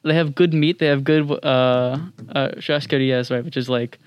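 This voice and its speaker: Clear-voiced young man, standard American accent. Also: medium pitch, fairly even intonation, normal speed, dry recording. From several countries across Latin America, Asia, Europe and the US. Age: young adult. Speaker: podcast guest, international student. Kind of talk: casual interview chat.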